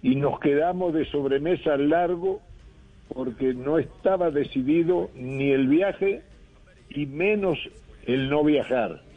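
A man's voice: fairly high pitch, slow, phone-quality sound. A man from Uruguay, a football coach talking in a radio interview, thoughtful and rambling with many fillers and restarts.

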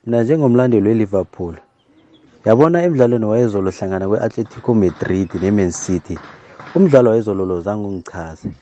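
A man's voice: fairly low pitch, dark tone. A man with a South African accent giving casual football opinions as a caller to a sports show, on a dull recording.

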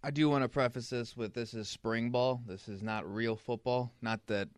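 A man reporting on football practices in casual sports talk, frank and full of quick restarts. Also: mid-range voice, steady tone, smooth, no echo.

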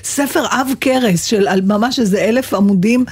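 A middle-aged woman from Israel co-hosting a radio show, chatting casually and telling lively stories with frequent laughter. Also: medium pitch, slight background noise. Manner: lively, storytelling, laughs often. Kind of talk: casual chat.

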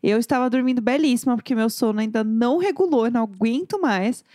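Mulher brincalhona, voz um pouco aguda. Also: female voice, fairly high pitch, fast, warm tone, no room sound, clean studio sound. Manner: playful, reactive listener. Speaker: podcast co-host. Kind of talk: casual chat.

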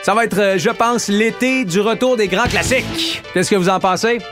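A man's voice: high-pitched, moderate pace, music in the background. A man with a Quebec French accent hosting a morning radio show, teasing a caller in casual banter. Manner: joking, teasing, chatty.

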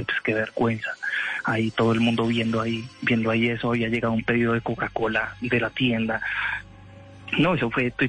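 A man's voice: medium pitch, a bit bright, poor audio. A man casually telling a story in an interview, rambling with restarts and slangy asides.

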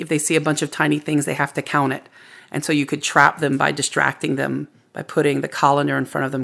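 A storyteller with a noticeably gravelly, fry-laden voice speaks as an interview guest. The delivery is casual and conversational, explaining lore in a reflective way. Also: medium pitch, fairly bright tone.

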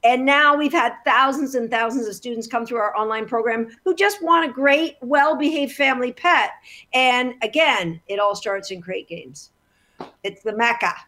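Canadian dog trainer lady talking on radio, high voice, excited. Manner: enthusiastic, quick, uses "like". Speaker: guest, professional dog trainer. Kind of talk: radio interview.

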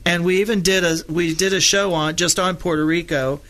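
Bright, higher-voiced man. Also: fairly even intonation, a little fast. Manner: rambling, clears throat often. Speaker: radio show co-host. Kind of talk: casual radio travel chat.

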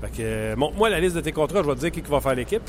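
A man with a Quebec French accent co-hosting sports talk radio, giving blunt, quick opinions. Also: on the high side, animated, a little hiss or hum.

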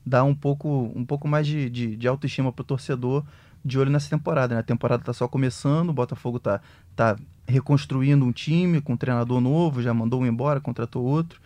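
A man reports on a football club, choosing his words slowly and restarting often. His voice is mid-pitched. The sound is dry and close. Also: steady tone, mellow, no room sound. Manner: measured, hesitant, many restarts. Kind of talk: casual sports discussion.

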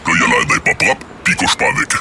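A man's voice: fast talker, sharp tone, slight background noise. A man with a Québécois accent voicing a crude, boastful ex-professional droplet through a voice changer that disguises his voice, in a comedy radio sketch. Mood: smug. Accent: Québécois French.

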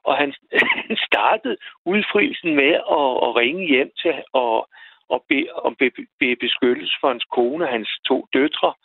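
A man calling in to a radio show, telling a personal story in a halting way, repeating words as he goes. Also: a little high, big pitch swings, creaky, slightly rough, dry recording. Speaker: radio caller. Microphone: telephone. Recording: tinny phone line, dry.

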